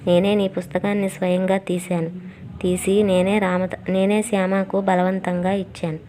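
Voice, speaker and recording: A woman voicing a gentle but firm old male saint, speaking in slow, measured admonishments. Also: medium pitch, level tone, a little hiss or hum, natural voice. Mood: gently scolding.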